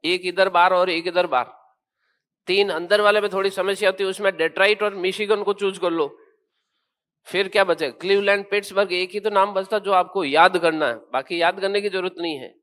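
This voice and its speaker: A man teaching a classroom with a fairly high voice. He questions his students briskly, corrects them with firmness and then lays out the main points one by one. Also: steady tone, a bit bright. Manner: quizzes students, then explains firmly. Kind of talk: classroom geography lesson.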